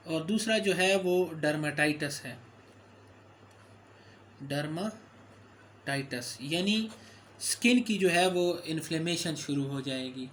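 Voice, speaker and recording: Man, somewhat high voice, medical lecturer, explanatory delivery with fillers, faint background hiss. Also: unhurried, fairly bright tone. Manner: explanatory, with frequent fillers and self-corrections. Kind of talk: recorded lecture.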